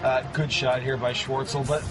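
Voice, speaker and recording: A man working as a golf commentator and analyst, chatting casually over tournament highlights. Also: flat delivery, normal speed, poor audio. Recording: music bed behind the voice.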